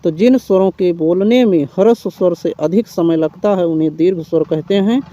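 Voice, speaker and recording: A man's voice: high-pitched, moderate pace, warm tone. A man teaching Hindi grammar in an exam-prep lecture, reading definitions and listing examples step by step. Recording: dull, muffled lo-fi recording.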